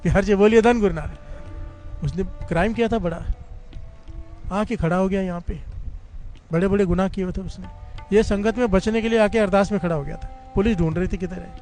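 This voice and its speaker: A Sikh preacher delivers katha, a devotional sermon built on call-and-response. His voice sits high and a little mellow, moving fairly quickly but broken by long pauses, with soft music in the background. He tells a story fervently and keeps leading the congregation in "dhan guru nanak."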